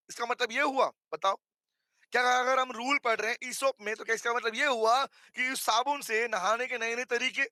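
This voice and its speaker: A man's voice: very high-pitched, bright, forceful tone, no echo. A man with an Indian accent teaching a live online class, chatty and teasing his students, with a sore throat. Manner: chatty, teasing, mixes Hindi and English.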